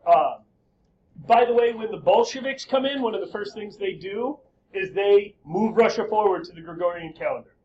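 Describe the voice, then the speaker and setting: A male high school teacher lectures his class, cracking jokes and firing questions at the students. His voice sits high for a man. The classroom recording is a little muffled, with a faint hiss underneath. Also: normal speed. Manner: lively, joking, quizzing students.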